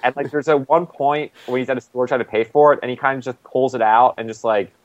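A man's voice: mid-range voice, steady tone, quick pace, no room sound, muffled recording. A man co-hosting a casual TV recap chat, talking loosely with lots of "like" fillers. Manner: loose and rambling, many "like" fillers. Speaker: podcast co-host.

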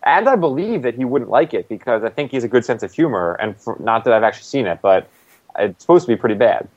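A man's voice: mid-range voice, sing-song, quick pace, no echo, lo-fi sound. A man co-hosting a casual TV recap chat, talking loosely with lots of "like" fillers. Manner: loose and rambling, many "like" fillers. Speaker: podcast co-host.

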